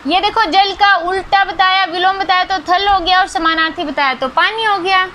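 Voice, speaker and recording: A woman's voice: extremely high pitch, steady tone, moderate pace, bright, forceful tone, a little hiss or hum, rough recording. A young woman teacher explaining a school lesson patiently, repeating key words and checking in with her young learners.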